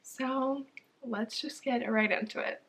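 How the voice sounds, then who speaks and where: A young woman in her late teens or early twenties talking casually to camera as a vlogger, chatty, full of "like", quick to laugh. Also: a little high, fairly even intonation, fairly bright tone. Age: young adult. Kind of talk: casual sit-down chat to camera.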